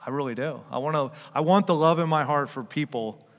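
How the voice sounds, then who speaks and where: An older man preaching a sermon as pastor, chatting and joking with his congregation, then rising to loud emphatic peaks. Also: fairly high pitch, a little fast, big-room sound. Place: church sanctuary.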